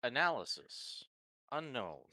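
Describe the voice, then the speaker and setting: A man's voice: medium pitch, big pitch swings, takes it slowly, bright, forceful tone, dry recording, heavily acted, rough recording. A man voicing a terse warforged construct on a mission, speaking in clipped robotic phrases and announcing each statement with labels like query and analysis. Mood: flat. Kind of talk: tabletop role-play.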